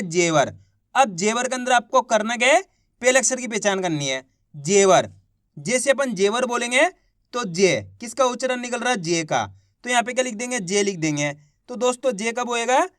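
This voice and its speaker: A man's voice: sits high, fairly bright tone, no room sound, studio quality. A man teaching an online spelling lesson, repeating each word and quizzing the viewers patiently. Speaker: Hindi teacher.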